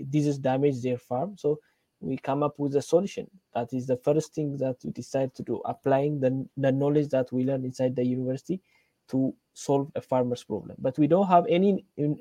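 A young man from Ethiopia, a guest in an interview, telling his story hesitantly with many pauses. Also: medium pitch, dark tone, dry recording. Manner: hesitant, many fillers and restarts. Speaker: fellowship guest, computer engineering lecturer. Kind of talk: casual interview talk.

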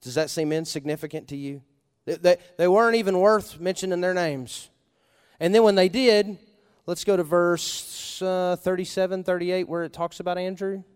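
A male pastor preaching a sermon in a conversational style, asking the congregation questions and punching key words with sudden loud emphasis. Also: high-pitched, moderate pace, smooth, big-room sound.

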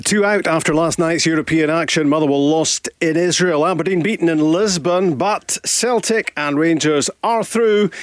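A man's voice: on the high side, no room sound. A Scottish man hosting a radio sports show, presenting live with bantering chat.

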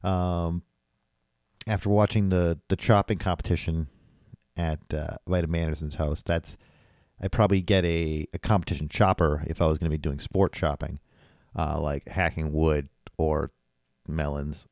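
Low, mellow-voiced man rambling casually. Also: steady tone, normal speed, no room sound, clean studio sound. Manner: rambling, hesitant, many fillers. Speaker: podcast co-host. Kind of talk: casual chat.

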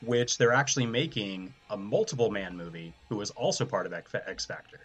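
Husky man explaining on a podcast. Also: lowish voice, brisk, highs cut off. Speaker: podcast co-host. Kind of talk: casual podcast chat.

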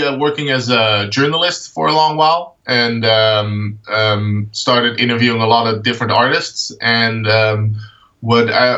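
Interview guest: Dutch man, 30s, bright voice, halting with fillers, far off a dull lo-fi mic. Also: medium pitch. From Netherlands. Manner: halting, many fillers and restarts. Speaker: guest, art project founder. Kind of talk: casual interview.

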